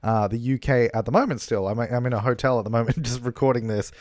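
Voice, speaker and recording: A young gaming YouTuber chats casually over gameplay, rambling with plenty of fillers and laughs in a slightly worn, medium-pitched voice that is a little mellow and fast. He recorded in a hotel room on a travel setup, yet the sound is clean studio quality with no echo.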